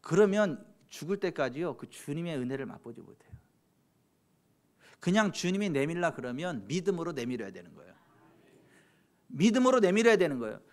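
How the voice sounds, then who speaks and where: A man preaching a sermon as pastor, swinging from soft chatty asides to loud fervent exhortation and teasing church members. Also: fairly high pitch, sing-song, fairly quick, pauses often. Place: church sanctuary.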